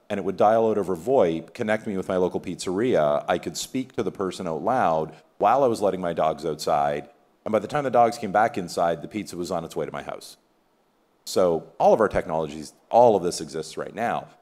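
A middle-aged man speaking on a conference panel in a relaxed, conversational way, polling the audience now and then. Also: deep voice. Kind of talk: conference keynote panel talk. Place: conference hall stage, in front of an audience. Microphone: table mic on a stand.

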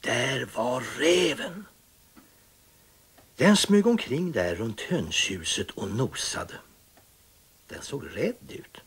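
Raspy male storyteller, very animated delivery, children's tale. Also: medium pitch, long pauses. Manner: expressive, dramatic storytelling.

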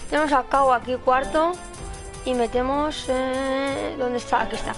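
A woman with a Spain Spanish accent doing casual, energetic, excitable commentary as a live game streamer. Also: high voice, moderate pace, music in the background.

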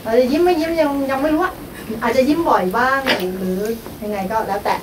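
A woman's voice: mid-range voice, recorded from a distance, noisy background. A woman coaching a teacher through a goal, guiding her with prompting questions. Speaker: workshop coach. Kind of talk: coaching dialogue.

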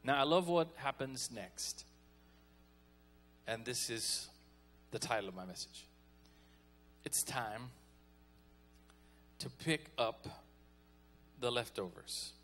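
A man's voice: medium pitch, animated, takes it slowly, pauses often, a bit bright. A man preaching a folksy, conversational sermon as pastor, calling on the congregation to respond.

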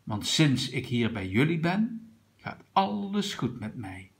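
A man's voice: medium pitch, very animated, slow, gravelly, heavily acted. A man reading a picture book aloud, voicing a cheerful grandfather in his eighties who is proud and happy. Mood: jolly. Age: 80s figure. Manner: jolly, beaming. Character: cheerful old grandfather turning 84. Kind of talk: storybook read aloud to a child.

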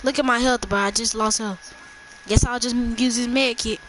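A young man in a game who keeps telling others to calm down and stop taking loot. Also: extremely high pitch, normal speed. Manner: exasperated, urging others to calm down. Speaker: gamer. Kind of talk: gameplay chat. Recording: clear background noise.

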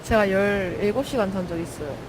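A woman's voice: medium pitch, a little fast, background noise. A young woman casually chatting while playing an online game, exclaiming and repeating herself.

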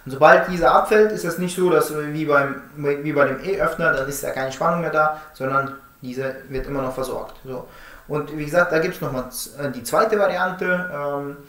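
A man in his thirties casually explains smart-home door products, often ending statements with questioning tags. His voice is fairly high, pushed and bright, at a moderate pace. The indoor room gives a roomy echo.

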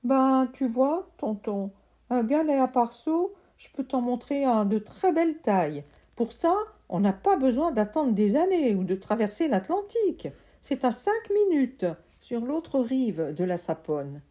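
Storybook boy hero, anxious, earnest, pleading, high and mellow; read by a woman. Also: sing-song, a little slow.

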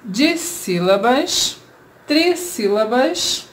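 A woman with a Brazilian Portuguese accent teaching a children's grammar lesson, explaining slowly and asking rhetorical questions. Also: fairly high pitch, expressive.

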